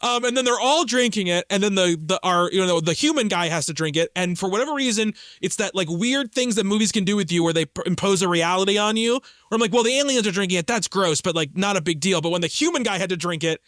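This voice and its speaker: High-voiced man gushing over a film. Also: quick pace, few pauses, no echo, studio quality. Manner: animated, acts out quotes, frequent restarts. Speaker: podcast co-host. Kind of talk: casual film discussion.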